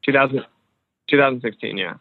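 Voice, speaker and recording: A man's voice: medium pitch, a little fast, no room sound. Man on a tinny phone-like line. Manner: thinks aloud with frequent fillers and restarts. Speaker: guest, professional poker player. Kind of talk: casual interview conversation. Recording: dry, phone-like remote call audio.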